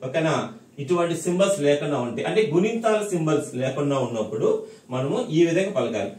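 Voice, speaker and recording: A male language teacher gives a recorded lesson in a fairly high, expressive voice with a darkish tone and a quick pace. He explains patiently, repeats points, and often checks that his students are following. The room is echoey and the mic sits at a distance.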